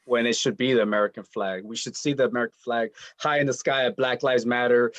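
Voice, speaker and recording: A man's voice: medium pitch, steady tone, fast talker, dry recording. A man speaking earnestly in a casual panel chat, often saying "you know". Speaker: panel guest.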